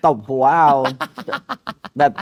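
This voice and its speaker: A man's voice: slow pace, darkish tone, highs cut off. Blunt older man telling film stories. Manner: blunt, coarse, laughs through his anecdotes. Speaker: veteran film director, guest. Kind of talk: casual storytelling chat.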